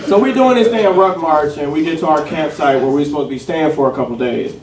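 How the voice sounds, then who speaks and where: A man's voice: on the high side, quick pace, slight background noise. A young man doing a stand-up routine, telling loose, profane stories full of fillers, on a club stage. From a city. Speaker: stand-up comedian. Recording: echoey club from a distant mic with crowd laughter.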